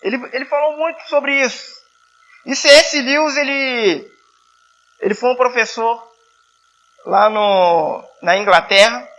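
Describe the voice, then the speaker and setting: Bright-voiced missionary man preaching. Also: extremely high pitch, measured pace, pauses often, highs cut off. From southern Rio de Janeiro state, Brazil. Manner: conversational, repeats and restarts, asks the congregation "né?". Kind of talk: sermon. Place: church hall.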